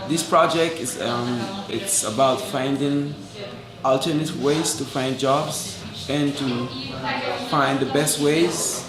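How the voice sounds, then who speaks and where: Man, careful, searching for words, echoey room, crowd behind. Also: mid-range voice. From France. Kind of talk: casual interview answer.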